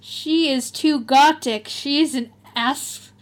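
High-voiced woman reading for laughs. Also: slow. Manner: reads aloud theatrically, often breaking into laughter. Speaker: reader of a fan story. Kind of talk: comedic dramatic reading.

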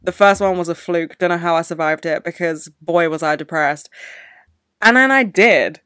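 A young woman hosts a solo podcast, ranting off the cuff with lots of emotion and frequent swearing. Her fairly low, fairly bright voice moves at a normal speed, captured on a podcast microphone with clean studio quality and no room sound.

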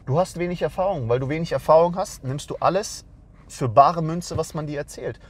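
A man's voice: fairly high pitch, fairly quick. A man in his twenties, a dating coach ranting bluntly to camera and scolding his viewers.

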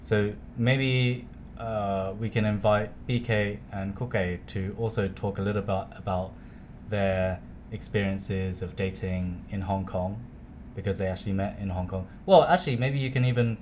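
Low-voiced uk guy hosting a chill podcast, lots of uhs and likes, faint hiss behind. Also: steady tone, normal speed, a little mellow. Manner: chatty, hesitant with many fillers. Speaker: co-host. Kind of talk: casual podcast chat.

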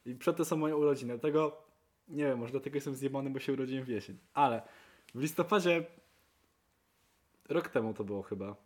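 Excitable young man, casual podcast chat. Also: brisk, pauses often. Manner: excitable, swears freely, jumps pitch for emphasis. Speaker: podcast co-host.

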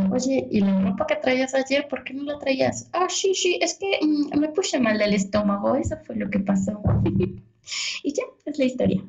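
A woman's voice: fairly low pitch, creaky, dark tone, lo-fi sound. A young Mexican woman with a Mexican accent tells a funny personal story in a casual, self-mocking way and acts out the voices of the people in it. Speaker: guest storyteller. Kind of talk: casual anecdote.

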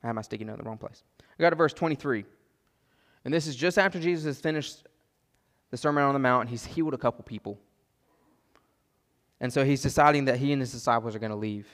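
A man preaching a sermon as pastor, earnest and gentle, his voice sometimes dropping soft for asides. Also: mid-range voice, fast talker, long pauses, in a large hall. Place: church sanctuary.

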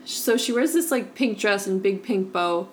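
A woman's voice: mid-range voice, animated, moderate pace, a little hiss or hum. A young woman chatting casually as a podcast co-host, filling her talk with "like" and "um". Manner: chatty, many fillers of like and um. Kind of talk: casual chat about a cartoon.

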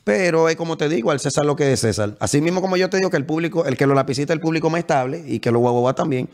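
A young Dominican-accented man holds forth in a casual interview, animated and boastful, often cutting in. His voice sits a little high for a man. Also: rapid-fire. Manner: animated, boastful, talks over the host. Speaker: interview guest, musician.

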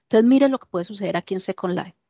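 A woman tells a personal story in a casual, animated way, slipping into the voices of the people she quotes. Her voice sits at a middle pitch for a woman. The recording is dull and lo-fi, with a dry, close sound. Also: fast talker, breathy edge, dry recording. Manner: animated, acts out quoted dialogue. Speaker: interviewee.

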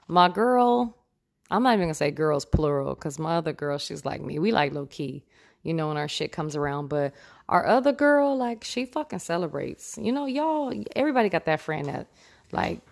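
A tipsy woman co-hosting a podcast in casual chat, animated, laughing and swearing freely. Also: low voice, a little fast, creaky. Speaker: podcast co-host.

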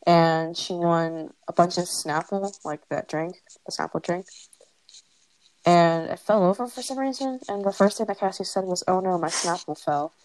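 A woman's voice: on the low side, normal speed, a little mellow, rough recording. A teenage girl co-hosting a casual podcast on a headphone mic, explaining inside jokes with dry teasing. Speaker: podcast co-host. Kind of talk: casual chat.

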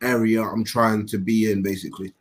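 A man's voice: lowish voice, level tone, brisk, husky. A man, a podcast panellist in casual chat.

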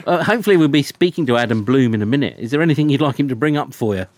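A man's voice: mid-range voice, lively intonation, racing, darkish tone. A man hosting a radio interview show, chatty and teasing, laughing easily with guests. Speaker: radio host. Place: radio studio.

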